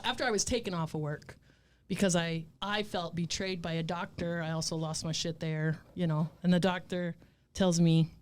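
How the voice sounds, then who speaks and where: A woman in her fifties telling stories as a guest in a casual interview, blunt, profane and animated. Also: lowish voice, slight background noise. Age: 50s. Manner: animated storytelling.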